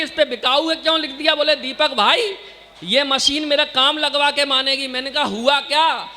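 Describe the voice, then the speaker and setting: A man's voice: very high-pitched, sharp tone, big-room sound. A man from India performing comic poetry on stage, joking with the audience and chanting verses. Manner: joking, addresses audience directly, sings verses. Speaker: stand-up comic poet.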